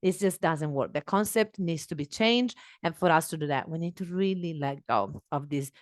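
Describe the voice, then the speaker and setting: A woman in her thirties, whose first language isn't English, hosts a solo podcast from a small home office using a headset mic. Her voice is deep and her pace moderate, and she talks earnestly and animatedly, with many fillers and restarts. The sound is clean and studio-like, with no echo.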